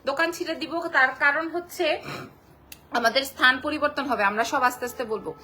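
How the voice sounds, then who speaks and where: Bright high-voiced woman selling on a live stream. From Bangladesh. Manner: rapid sales patter, repeats prices and sizes. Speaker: online clothing shop seller. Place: small clothing shop indoors.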